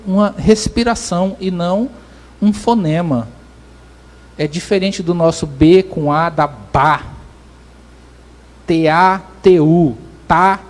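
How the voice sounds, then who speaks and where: Male pastor, sermon, high voice, explains step by step with frequent restarts. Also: a little mellow. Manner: explanatory preaching with many restarts.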